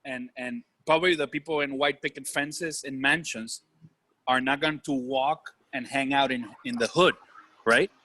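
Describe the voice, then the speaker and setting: On a video call, a Spanish-speaking executive from Puerto Rico steers a relaxed group conversation, speaking with earnest conviction and repeatedly asking "right?" or "you know" to see if people agree. He talks at normal speed in a medium, pushed, bright voice with fairly even intonation.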